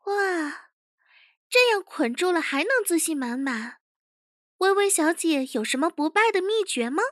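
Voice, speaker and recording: Woman playing a cocky young male interrogator, very high voice, dry close mic, audio drama. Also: lively intonation, moderate pace, fairly bright tone, dry recording. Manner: cocky, confident. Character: young male interrogation chief, proud, touchy.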